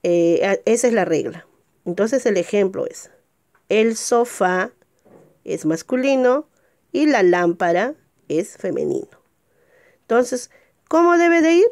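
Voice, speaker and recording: A woman teacher giving a recorded grammar lesson. She asks rhetorical check questions, slows down to stress example words and jumps up in pitch at each new point. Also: lively intonation, a little mellow.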